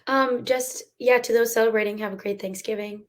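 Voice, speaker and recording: A woman's voice: a little high, fairly even intonation, brisk. Bubbly woman podcast co-host. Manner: bubbly and enthusiastic, laughs often. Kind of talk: casual chat.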